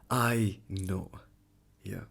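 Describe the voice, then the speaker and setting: A young man hosting a solo podcast, talking candidly and rambling, swinging between loud bursts and murmured asides. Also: low voice, gravelly, breathy edge. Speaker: podcast host. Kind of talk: reflective solo podcast monologue.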